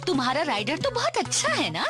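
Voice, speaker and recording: Casting: animated girl schemer, extremely high voice, coy, syrupy, flattering, very expressive. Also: brisk, music in the background. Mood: coaxing. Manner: gushing, coaxing, exaggeratedly sweet. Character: coy, flattering girl trickster luring with sweet talk. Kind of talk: animated series dub acting.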